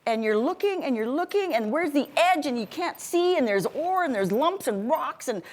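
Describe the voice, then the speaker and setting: A middle-aged woman giving a motivational keynote, telling stories in a chatty, animated way, restarting sentences often and laughing a lot. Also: high-pitched, moderate pace. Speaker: keynote speaker. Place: event stage before an audience.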